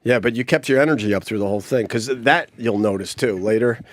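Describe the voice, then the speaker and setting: A man hosting a radio show, animated and enthusiastic, laughing often. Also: medium pitch, fast talker, dry recording. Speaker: radio host. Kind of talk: casual chat.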